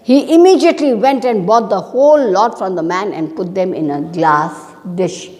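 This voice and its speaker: A woman's voice: medium pitch, normal speed, a little mellow, long reverb tail. A woman teacher reading from a book to her pupils and explaining it, often stopping to ask them questions. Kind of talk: online class lesson.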